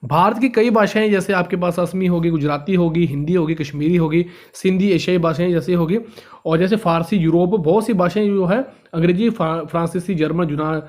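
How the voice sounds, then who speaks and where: A man with a high voice teaches from a textbook, speaking to his students as friends. He reads each passage aloud and then goes back over it in easier words. He often trips over a word and starts it again. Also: a little fast, a little mellow. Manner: reads a line, then explains it in simpler words; often stumbles and restarts words. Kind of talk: reading and explaining a textbook lesson.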